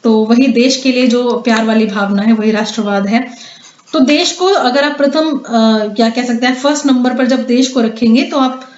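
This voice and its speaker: A woman's voice: on the high side, normal speed, darkish tone. A woman teacher giving an exam-prep lecture, explaining with many fillers and restarts and often checking in with her students. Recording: echoey dull lo-fi room sound.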